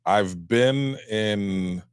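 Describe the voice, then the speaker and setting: A middle-aged man from Cameroon, a trial attorney, speaking as a guest in an interview in a measured, reflective way. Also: on the low side, clean tone, no echo, studio quality. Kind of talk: interview conversation.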